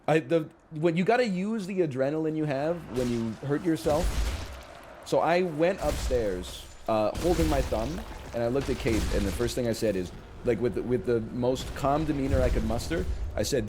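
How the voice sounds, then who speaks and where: A man's voice: medium pitch, expressive, moderate pace, noisy background. A man in his thirties chatting casually on a live stream, telling rambling, self-mocking stories to his viewers.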